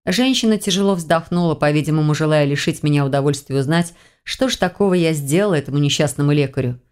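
Woman audiobook narrator, low-ish voice, measured, expressive reading. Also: clear, resonant tone. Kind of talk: first-person novel reading.

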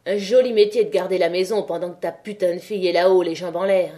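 A brutal, jealous young miner bellows crude insults in a raised, higher voice, as a woman reading a novel aloud puts him on. The tone stays warm and mellow underneath the shouting. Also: steady tone, quick pace, close to an everyday voice. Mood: furious. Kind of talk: audiobook reading.

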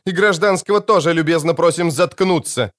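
A man's voice: a little high, animated, fairly quick, voice pushed up, lightly acted. A man voicing a stern female prison warden who gives clipped orders while barely hiding panic, in a home-made audiobook. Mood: barking.

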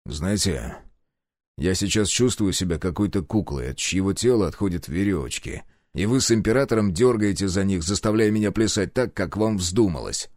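A man voicing a stubborn, reluctant hero who answers bluntly and gruffly and swears when pushed. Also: sits low, normal speed, a little mellow, dry recording, studio quality.

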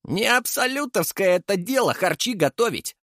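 A man voicing a loud, boastful young show-off who brags and taunts in a squeaky voice. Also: sing-song, moderate pace, no echo, studio quality, full character voice. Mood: cheeky.

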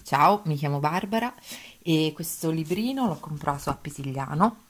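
A woman reads short proverbs aloud at a calm, unhurried pace. Her voice is very low for a woman. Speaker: guest reader.

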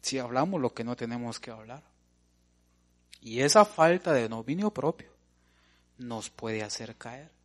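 Pastor, animated preaching that drops from loud to hushed, calling everyone brother. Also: male voice, mid-range voice, unhurried, long pauses. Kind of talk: sermon.

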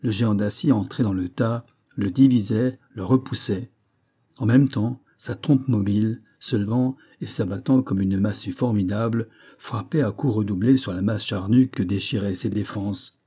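A man narrating a classic adventure novel as an audiobook, in a steady, measured storytelling manner. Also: fairly low pitch, breathy edge.

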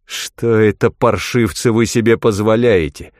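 A man voicing an arrogant male linguist who speaks slowly, quietly and with threat. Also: lowish voice, fairly even intonation, no room sound, clean studio sound, close to an everyday voice. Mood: menacing.

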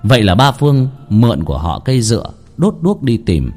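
Dramatic storyteller man, lively pitch. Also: a little fast, faint music behind. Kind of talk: narrating a ghost story.

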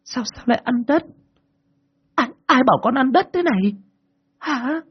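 A man voicing a frantic young mother who shouts shrill, panicked questions at her child. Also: animated, moderate pace, slightly rough, full character voice. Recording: dull lo-fi recording.

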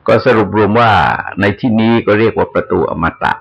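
An older man, a Buddhist monk, giving a sermon in a slow, measured way with pauses as he explains. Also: lowish voice, fairly even intonation, vocal fry, husky, lo-fi sound.

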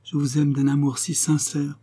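Male narrator voicing a tearful, pleading young wife in a raised, husky voice. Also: a little high, completely flat delivery, moderate pace, mellow, voice pushed up.

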